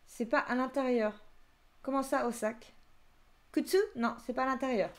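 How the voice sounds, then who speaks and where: A young woman with a slightly high voice runs a live-streamed Japanese lesson. She talks in a lively, chatty way, laughing often as she reacts to viewers' answers. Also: normal speed. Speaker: Japanese teacher.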